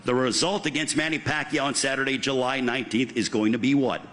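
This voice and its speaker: A man's voice: mid-range voice, fairly even intonation, brisk, fairly bright tone. A man hosting a boxing press conference like a fight promoter, with polished, punchy delivery and emphatic names and titles.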